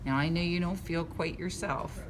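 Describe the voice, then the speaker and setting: A woman's voice: fairly low pitch, normal speed. An older woman working as a nurse, chatting casually and reassuringly with a patient, often with a chuckle. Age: older, grandmother of a teenager. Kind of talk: casual bedside chat with a patient. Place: small hospital recovery room, indoors. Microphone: handheld phone camera nearby. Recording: noisy phone video in a clinic room.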